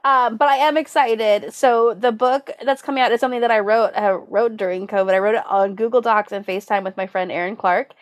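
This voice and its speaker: A woman's voice: on the high side, a little fast, hardly any pauses, dry recording, studio quality. A woman co-hosting a podcast in casual chat, congested, chatty and laughing often between her filler words. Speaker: podcast co-host.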